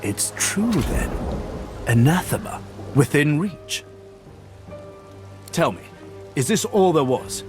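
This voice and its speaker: An actor playing a scheming, scholarly male noble in a video game, speaking in measured, grandiose phrases over faint game music. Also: a little high, sing-song. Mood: eager. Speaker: game character.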